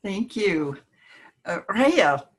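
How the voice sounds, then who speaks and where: A woman hosting an online panel discussion, introducing guests in a measured way. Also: mid-range voice, sing-song, husky. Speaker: panel host.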